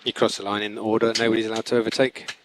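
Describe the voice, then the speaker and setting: A man's voice: on the low side, level tone, fast, a bit bright. Male race engineer on noisy car radio. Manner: repeats key instructions, clipped.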